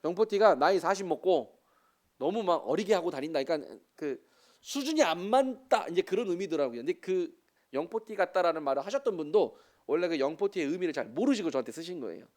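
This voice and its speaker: A man's voice: fairly high pitch, lively intonation, a little fast, a little mellow. A man in his forties with a Jeolla Korean accent, a missionary preaching a sermon with chatty, joking asides to the congregation. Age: 40s.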